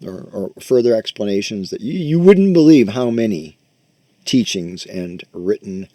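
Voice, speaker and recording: A man talks through a Buddhist teaching in a loose, chatty manner, full of fillers and the odd swear word. His voice swings widely in pitch as he leads listeners through breathing. He sits right up close to the microphone, in a dry room with no echo. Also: lively intonation, unhurried, warm tone. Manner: loose, conversational, swears casually, many fillers. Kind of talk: casual dharma talk with guided meditation.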